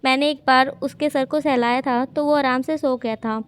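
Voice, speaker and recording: A woman's voice: high voice, fairly even intonation, moderate pace, clean tone, dry recording, close to an everyday voice. A woman voicing a playful young man who talks in a teasing, bantering way.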